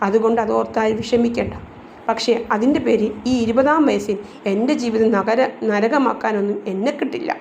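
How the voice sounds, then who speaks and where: A woman's voice: fairly high pitch, normal speed, creaky, slight background noise. A woman voicing a defiant, proud twenty-year-old woman who pleads yet stands her ground, in a storybook reading. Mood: firm pleading. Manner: pleading yet stubborn, sharp-tongued.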